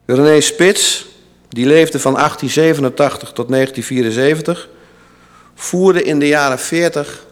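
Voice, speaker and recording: A man giving a sermon in a church hall, telling a story with dramatic pauses and voicing its characters. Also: mid-range voice. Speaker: preacher. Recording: long reverb of a large hall.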